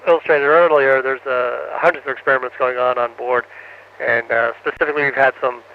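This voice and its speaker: Students hear an astronaut on the space station through a muffled radio downlink that breaks up amid faint static. His mid-range voice stays steady while he speaks haltingly, full of fillers, and he signs off each answer with "over".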